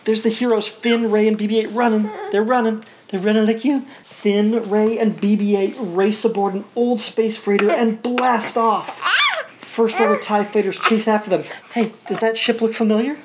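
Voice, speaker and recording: This woman's mid-range voice keeps a steady tone and moderate pace as she reads a storybook to a young child in a parental way. She breaks off for spontaneous simple asides and questions, captured in a dull home recording with faint noise.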